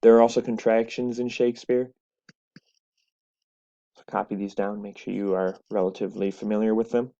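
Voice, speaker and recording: A man's voice: lowish voice, flat delivery, normal speed, pauses often, warm tone, lo-fi sound. A man teaching a recorded classroom lecture, explaining step by step and checking in with "right?". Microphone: webcam.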